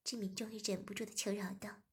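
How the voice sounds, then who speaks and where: A woman narrating an erotic audio story in a soft, half-whispered manner. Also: medium pitch, level tone, fast, slight background noise.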